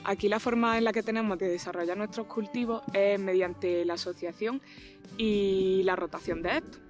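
A woman's voice: mid-range voice, fairly even intonation, moderate pace, faint music behind. A woman farmer explaining her growing methods in a plain, explanatory way. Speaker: organic farmer. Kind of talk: explaining in an interview.

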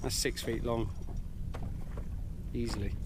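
A man's voice: medium pitch, little pitch movement, takes it slowly. A man talking casually as he coaches someone through reeling in sharks from a small boat at sea, filmed on an action camera. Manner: coaching and narrating while fishing. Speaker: fishing channel host. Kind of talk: casual on-the-spot commentary. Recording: wind and water noise.

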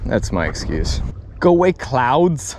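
Out on a small open boat, an excitable, chatty fly fishing vlogger narrates casually on camera, often with self-deprecating humor. He speaks slowly at a medium pitch. The action camera mounted on the boat picks up a noisy background.

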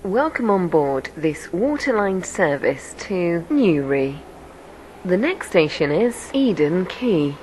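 A woman's voice: fairly low pitch, very animated, slow, pauses often, low-quality recording. A woman's recorded voice making automated onboard train announcements in polite, formal announcer phrasing. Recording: loud hiss with clicks.

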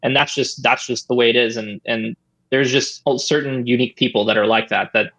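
Recalling the past in a brisk, casual ramble, this husky-voiced man in his thirties keeps dropping "I mean" and "right?". He's a former esports player being interviewed indoors at home, with a boom-arm studio mic and a headset.

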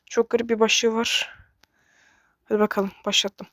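Excitable woman yelling over gameplay. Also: fairly high pitch, moderate pace, no room sound, studio quality. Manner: excitable, frequently yelling to her game companion; chatty, addresses viewers directly. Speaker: gaming video creator. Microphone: bassy microphone.

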